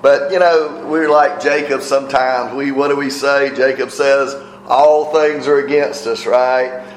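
A man's voice: mid-range voice, fairly even intonation, unhurried. Man, pastor, conversational sermon, rhetorical questions, echoey room, faint music behind.

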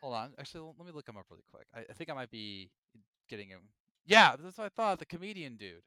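Lively bright-voiced man on a podcast. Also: medium pitch, clean tone, no echo. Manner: animated, jokey, quick to do silly impressions. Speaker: podcast co-host. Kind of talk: casual chat.

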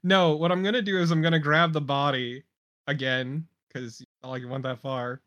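A man's voice: fairly high pitch, steady tone, normal speed, a bit bright, muffled recording. A man playing in a tabletop game, blunt and joking, swearing casually. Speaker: player.

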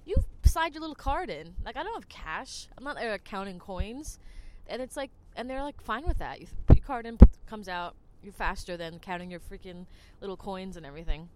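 Over very noisy audio, a woman from New Jersey hosts a podcast and tells meandering stories in a relaxed chat. Her medium-pitched voice is animated and brisk, and "like" shows up constantly.

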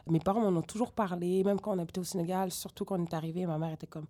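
Woman rapper, raised in Senegal, French accent with Québécois traces, chatty and animated interview guest. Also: fairly low pitch, racing. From grew up in Senegal. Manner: animated, digressive, many fillers. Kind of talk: candid interview conversation.

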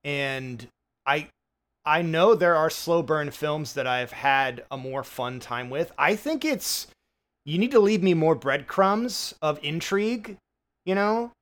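Male podcast co-host, casual rambling film chat, slightly higher pitch, loose delivery. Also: expressive, slow pace, fairly bright tone. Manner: rambling, many fillers and restarts, swears casually.

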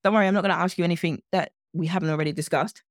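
A woman guest who works as a nutrition coach, talking in a playful, animated way and often repeating words. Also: fairly low pitch, very fast, no room sound, studio quality. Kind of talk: casual interview chat.

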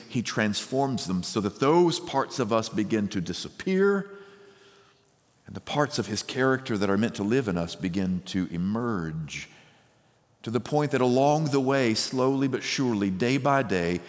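A male pastor delivers a sermon in an unhurried, measured way. He leans on deliberate pauses and repeated phrases, and his voice rings out with the long reverb of a large church sanctuary. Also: medium pitch. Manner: measured, with emphatic pauses and repetition.

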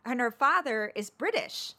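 A woman's voice: a little high, lively intonation, moderate pace, pushed and bright. A woman co-hosting a podcast, chatting casually about a TV show with rambling, self-deprecating asides. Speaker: podcast co-host.

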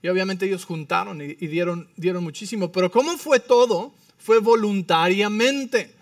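High-voiced pastor preaching with energy. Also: male voice, moderate pace, no echo, distant mic. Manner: animated preaching, frequent "¿sí?" check-ins. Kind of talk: sermon.

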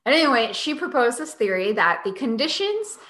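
A woman hosts a casual science podcast, explaining things in a chatty, sarcastic way. Her voice is bright and lively. The sound carries a noticeable room echo. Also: on the high side, brisk. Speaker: podcast host.

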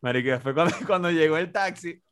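A man's voice: fairly high pitch, fairly bright tone, clean tone, no room sound, studio quality. A young man with a Venezuelan accent, telling a slangy party story on a podcast and acting out the voices of the people in it. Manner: rapid, slangy, acts out quoted voices. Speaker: podcast host. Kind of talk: casual storytelling.

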